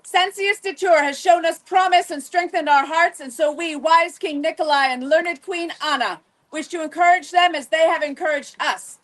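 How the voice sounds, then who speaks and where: A woman acting as herald at a medieval reenactment court, loudly declaiming ceremonial proclamations in formal, old-fashioned renaissance fair speech. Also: very high-pitched, normal speed, few pauses.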